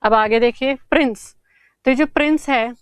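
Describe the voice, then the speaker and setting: A woman's voice: on the high side, normal speed, smooth, dry recording. A woman teaching an English grammar lesson for exam prep, explaining step by step and answering her own questions.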